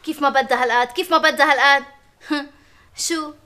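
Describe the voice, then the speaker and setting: A frazzled Lebanese mom. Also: female voice, high voice, steady tone, a little fast, bright, forceful tone. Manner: complaining, indignant, rattles off long lists. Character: frazzled, overworked Lebanese wife and mother. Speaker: sitcom actress. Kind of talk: sitcom acting.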